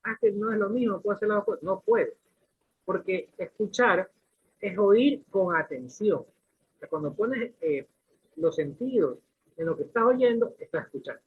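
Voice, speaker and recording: A man's voice: sits high, animated, normal speed, husky. A man teaching a class, explaining points with questions and everyday examples, often restarting his sentences. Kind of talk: classroom lecture. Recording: lo-fi phone-like recording.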